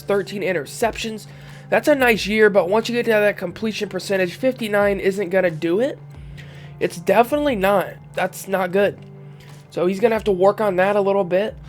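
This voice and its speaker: A man's voice: sits high, a little fast, faint music behind. A young man with a congested voice, casually commenting while he reviews season stats in a football video game. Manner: relaxed, thinking aloud while reviewing stats. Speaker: gaming YouTuber.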